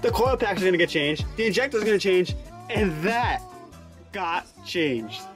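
A man's voice: high voice, lively intonation, normal speed, faint music behind. A young man from the Boston area with a Boston accent, chatting cheerfully and laughing often while working on his car. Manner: laughs easily, upbeat. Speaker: car vlogger.

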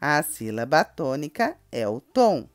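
Lively low-voiced Brazilian woman teaching. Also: no room sound, studio quality, soft background music. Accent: Brazilian Portuguese. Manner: sing-song, calling out words in a drawn-out voice. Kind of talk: children's grammar lesson.

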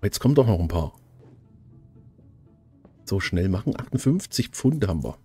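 A man's voice: low-pitched, sing-song, moderate pace, warm tone, breathy edge, soft background music. A man giving casual commentary while playing a game, chatty and urging himself on. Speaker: let's play host.

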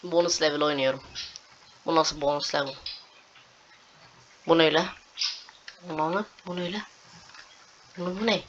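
A young woman giving casual commentary on her gameplay, excitable and talking to the game, repeating words as she plays. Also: deep voice, normal speed, long pauses, highs cut off, noisy background. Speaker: gameplay streamer.

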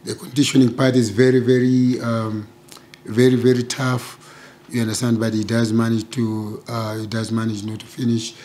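A middle-aged football coach speaks in an even, flat tone into table microphones at a press conference. His voice is dark and mellow, and he paces his answers with frequent "you know" fillers. A faint hum sits behind him. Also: medium pitch, moderate pace. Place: press conference room with sponsor backdrop. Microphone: table microphones in front.

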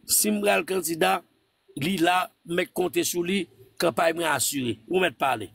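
A man's voice: on the high side, normal speed, creaky, a bit bright, breathy edge. A man from Haiti hosting a live stream, insistently cutting in and lecturing a caller with scripture. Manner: insistent, repeats words to cut in; preachy, quotes scripture. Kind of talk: heated live call-in debate.

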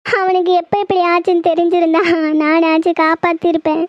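A woman's voice: very high voice, flat delivery, normal speed, no echo. A woman voicing a grief-stricken young woman doctor, tearful and shaken, in a horror audio drama. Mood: distraught. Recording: dull lo-fi, dry.

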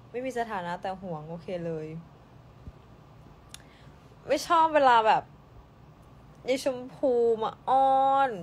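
A woman's voice: a little high, a little hiss or hum. A young woman hosting a live stream, chatting casually with fans, reading their comments aloud and answering with many fillers and giggles.

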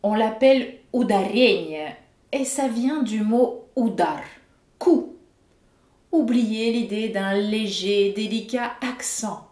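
A woman teacher giving a scripted pronunciation lesson, with clear and emphatic explanations. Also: a little high, slow pace, darkish tone, echoey room. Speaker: Russian language teacher.

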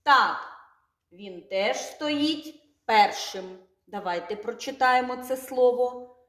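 A woman kindergarten teacher with a Ukrainian accent, speaking slowly and clearly, drawing out sounds and repeating words for the children to echo. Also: fairly high pitch, a bit bright. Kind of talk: slow, clearly articulated lesson for small children.

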